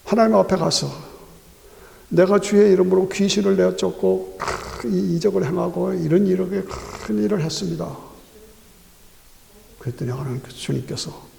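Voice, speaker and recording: Gravelly-voiced dramatic Korean pastor preaching. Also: male voice, high voice, fairly even intonation, moderate pace, a little hiss or hum. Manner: dramatic, swings from hushed whispers to loud exclamations. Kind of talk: sermon. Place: church sanctuary. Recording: echoey church hall.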